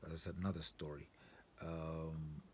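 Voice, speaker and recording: A man from southern Africa hosts an informal, opinionated monologue in a rumbling low, slightly mellow voice, keeping a level tone and taking his time. He speaks emphatically, repeats himself, and often tosses in rhetorical check-in questions, with clear ambient noise in the background.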